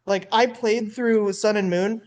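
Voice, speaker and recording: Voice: mid-range voice, steady tone, a little slow, a little mellow. Eager rambling gamer voice. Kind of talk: casual gaming chat.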